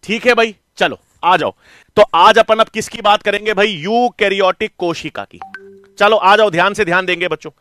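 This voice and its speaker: A man's voice: high-pitched, normal speed, bright, forceful tone, dry recording. A middle-aged male biology teacher giving an online class, coaxing his students and answering his own questions. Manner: coaxing, calls students "beta" and "bachche"; asks questions and answers them himself.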